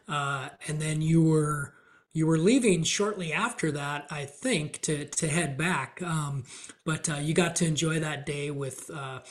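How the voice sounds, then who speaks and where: A man hosting an interview podcast, asking questions in a measured way and recounting details of the guest's achievements. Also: on the high side. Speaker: podcast host, conference commissioner. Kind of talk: interview host.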